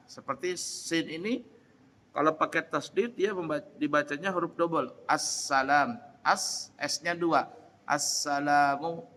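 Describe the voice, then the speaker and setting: A man teaching a class on prayer recitation, speaking slowly and repeating example phrases, checking whether his students understand. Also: fairly high pitch, bright, forceful tone, in a large hall. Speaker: religious teacher. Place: large echoing hall at an Islamic boarding school.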